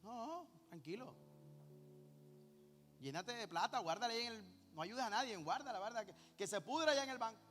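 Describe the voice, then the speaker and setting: A man voicing God as a sarcastic, indulgent father who soothes in a mock-gentle drawn-out way. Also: high voice, expressive, voice pushed up. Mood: sarcastic soothing. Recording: echoey church hall with faint music.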